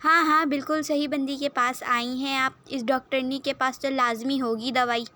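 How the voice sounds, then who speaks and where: A woman's voice: high voice, little pitch movement, sharp tone. A woman voicing a teasing young female doctor who talks sarcastically and playfully.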